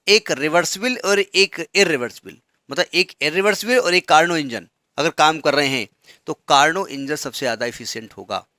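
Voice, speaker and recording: A man teaching a physics class in a chatty, joking way, and slowing down to dictate notes. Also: a little high, pushed and bright, no room sound, clean studio sound. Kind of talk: classroom lecture.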